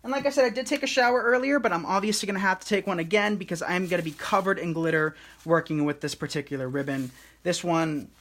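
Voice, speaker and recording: Speaking in a high voice, this man leads viewers step by step through a live craft tutorial, keeping things calm, relaxed and unhurried.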